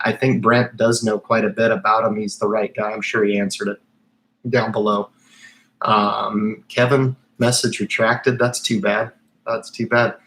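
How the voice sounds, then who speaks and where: In a low-quality recording, a fairly low-pitched man in his thirties runs a casual livestream, reading out chat questions. He answers with animated rambling, lots of fillers, and frequent restarts.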